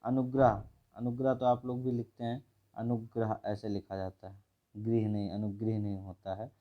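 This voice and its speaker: Brisk man teaching grammar. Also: fairly low pitch, flat delivery, dull audio. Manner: brisk, repeats each word and asks the viewer. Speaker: Hindi teacher. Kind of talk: exam revision lesson.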